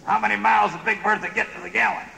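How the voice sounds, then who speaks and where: A man's voice: high voice, steady tone, racing, vocal fry, bright, forceful tone, reverberant, in a large hall, exaggerated voice, rough recording. An actor playing a cranky, folksy country gas station man, heard over a CB radio. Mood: wry. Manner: folksy, drawling country talk. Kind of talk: comic radio drama acting.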